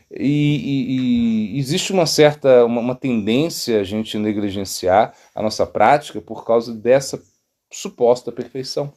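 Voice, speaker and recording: A man's voice: mid-range voice, dark tone. A Brazilian monk giving a sermon, rambling with many fillers and restarts, acting out quoted voices as he tells stories. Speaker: monk teaching devotional yoga. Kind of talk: sermon, spiritual talk.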